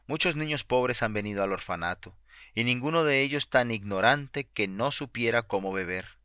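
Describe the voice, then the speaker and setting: A man narrating a devotional book in an earnest, measured reading. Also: mid-range voice, expressive, bright, forceful tone, clean tone, dry recording, studio quality. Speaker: audiobook narrator.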